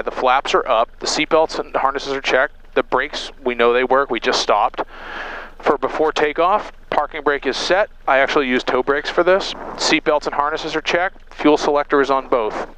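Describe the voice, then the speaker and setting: A man's voice: mid-range voice, a bit bright, rough recording. A man, a pilot, methodically talking through checklists and explaining each step as a flight lesson in a small airplane cockpit. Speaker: pilot instructor. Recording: cockpit audio with clear engine noise.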